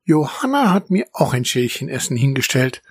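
A man's voice: big pitch swings, moderate pace, husky, no echo. A man voicing a small, cheeky and clever male mouse in a children's story, raising his voice to sound small and impish. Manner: giggly, cheeky, higher storybook voice.

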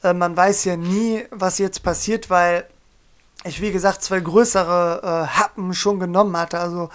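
A young man co-hosting a podcast, telling a story in a lively, joking way and acting out quotes. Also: high-pitched, a little slow, clear, resonant tone. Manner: animated storyteller, acts out quotes, laughs often. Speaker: podcast co-host. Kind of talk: casual storytelling chat.

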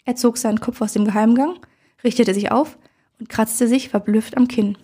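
A woman reads a first-person fairy tale aloud for children, calm and measured. Her voice is husky and dark in tone, pitched a little high. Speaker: storyteller. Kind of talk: scripted first-person story narration.

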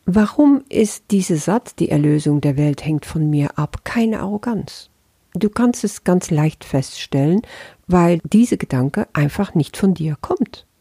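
A spiritual teacher talks through a daily lesson in a relaxed, conversational way and keeps turning to ask the listener questions. The voice is gravelly and husky, with a dark, mellow tone. It sounds dry and close, with no room around it. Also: medium pitch, dry recording.

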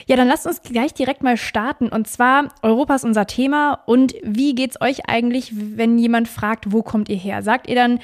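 Woman, podcast host, fairly high voice, friendly, chatty. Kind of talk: conversational podcast hosting.

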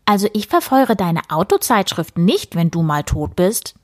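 A woman voicing an earnest young boy in a soft, hushed storybook reading. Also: fairly low pitch, big pitch swings, normal speed, no room sound, clean studio sound.

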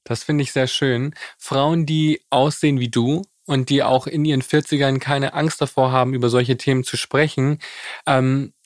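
A man interviewing a guest, calmly setting up long questions before asking. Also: medium pitch, moderate pace, no echo, clean studio sound. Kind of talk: conversational interview.

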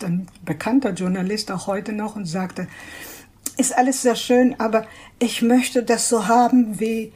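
Earnest older woman, husky, mellow. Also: fairly high pitch. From Israel. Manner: earnest, searching for words with restarts. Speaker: interview guest, prayer leader. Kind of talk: thoughtful interview answers.

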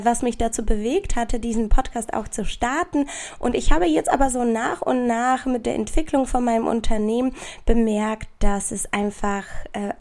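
A woman talks casually to her podcast listeners in a slightly high voice with a lot of gravelly creak. She sounds thick with a cold, nasal and sniffly, with a raw rasp. Her delivery is effusive and emphatic. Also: a little mellow. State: congested, stuffy nose from a heavy cold. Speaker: podcast host. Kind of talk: casual solo podcast talk addressed to the listener.

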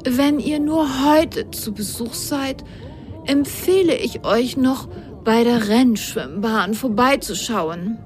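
A woman's voice: on the high side, lively intonation, takes it slowly, a little hiss or hum, pitched above the performer's own voice. Woman doing a polite giant octopus waiter. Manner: courteous, formal service tone.

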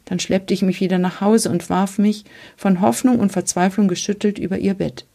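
A woman reading a memoir aloud in a measured, earnest storytelling manner. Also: mid-range voice, steady tone, creaky, dark tone. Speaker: reader.

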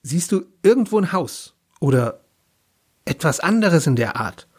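A man with a husky voice voicing a blunt, cursing young woman with colorful hair, stranded on a phone call. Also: fairly high pitch, very animated, a little slow, darkish tone, exaggerated voice. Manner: blunt, casual, sarcastic.

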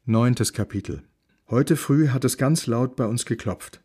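Husky guy reading a kids' story, soft and mellow, easygoing. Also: medium pitch, a little slow. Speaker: audiobook narrator. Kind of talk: storytelling reading of a children's novel.

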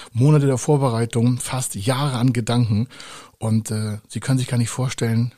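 A man hosts a podcast, addressing listeners in an informal, effusive monologue. His voice is dark and relaxed, with a medium pitch, recorded dry and close. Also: no room sound. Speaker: podcast host, funding consultant.

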